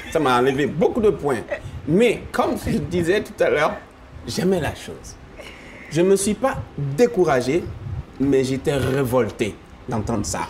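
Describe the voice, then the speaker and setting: A man's voice: a little high, a little hiss or hum. A man whose first language is Yacouba, a gospel singer chatting animatedly as an interview guest, often laughing. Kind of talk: casual interview chat.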